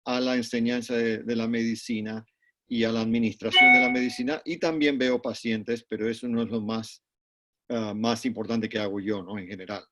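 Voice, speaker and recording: A middle-aged man from Panama, a neurologist, answering interview questions over a video call in a measured way, with frequent restarts and repeated words. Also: mid-range voice, fairly even intonation, sharp tone. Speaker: neurologist and guest. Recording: dull lo-fi call audio.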